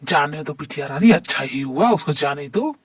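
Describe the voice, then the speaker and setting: A voice actor doing a grumpy old father-in-law who drawls his words slowly and fusses over his daughter. His mid-pitched voice sounds a bit off-mic but dry. It comes from an amateur fan dub drama. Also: expressive, husky, no echo, distant mic. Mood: grumbling. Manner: slow, drawling, fond of "bitiya rani".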